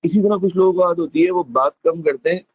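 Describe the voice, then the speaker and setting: A male teacher gives a classroom lecture, calling students friends, mixing in English phrases and demonstrating with lively emphasis. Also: high voice, fast, no echo. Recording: dull lo-fi dry recording.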